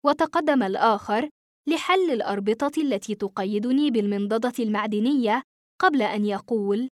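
Woman, audiobook narrator, steady expressive storytelling, dry close sound. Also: a little high, fairly quick, no echo. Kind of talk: first-person novel narration.

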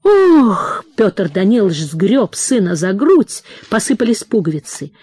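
A woman narrating a novel as an audiobook in a measured, dramatic reading. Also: medium pitch, expressive, mellow, slightly rough, no echo. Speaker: audiobook reader. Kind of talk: literary narration.

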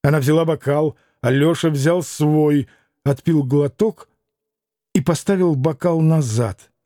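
A man narrating an audiobook in a measured, even reading voice. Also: on the high side, no echo, studio quality. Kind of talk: scripted narration.

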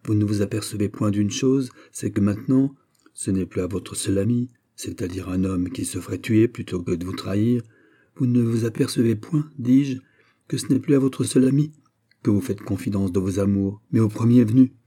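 A man voicing an earnest young French nobleman with a soft, harmonious voice, lecturing his friend insistently. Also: lowish voice, normal speed, lightly acted.

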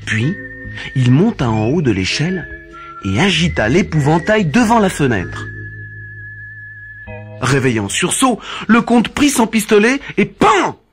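Man narrating a children's tale, lively. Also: fairly high pitch, a little slow, long pauses. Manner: expressive, animated reading. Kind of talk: scripted storytelling for children. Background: faint background music.

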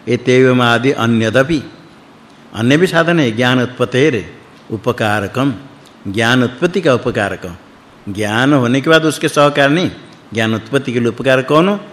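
A man's voice: mid-range voice, moderate pace, fairly bright tone. A man teaching scripture, talking in loose, repetitive phrases and reciting Sanskrit verses. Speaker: spiritual teacher. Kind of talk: scripture discourse in Hindi. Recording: long hall reverb.

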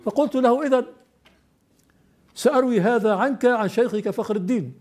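A man's voice: very high voice, fairly quick, a little mellow. An older man teaching classical Arabic poetry, explaining step by step and questioning his student.

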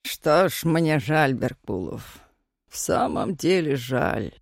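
A reader voicing the stern older head of a youth colony, gruff and slow in a storybook reading. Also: medium pitch, darkish tone, dry recording, studio quality.

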